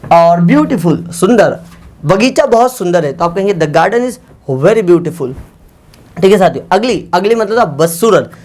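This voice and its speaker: A male teacher giving a vocabulary lesson who reads each English example sentence slowly and word by word, and often addresses his learners as friends and repeats words for practice. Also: sits high.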